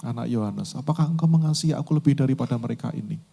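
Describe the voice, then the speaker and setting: A man voicing a patient teacher figure who asks gentle questions in a retold story. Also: mid-range voice, racing, creaky, husky. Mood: gentle questioning.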